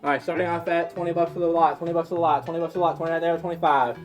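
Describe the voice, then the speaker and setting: A man's voice: fairly high pitch, steady tone, rapid-fire, faint music behind. A man working as an auctioneer, calling out bids and repeating prices in a chant. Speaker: auctioneer and host. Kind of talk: live auction calling of game lots.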